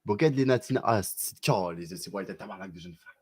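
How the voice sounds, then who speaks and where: Deep-voiced and a little mellow with a breathy edge, this Québécois man talks loosely on a live stream. He answers his viewers in slangy French, frequently restarting his sentences mid-thought.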